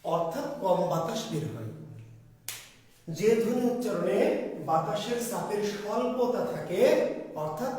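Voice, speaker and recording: A man teaching grammar in a lecture. He repeats key terms slowly for note-taking and asks and answers his own questions. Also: high voice, very animated, darkish tone, slight background noise. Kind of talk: classroom lecture. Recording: echoey hall, voice from far off.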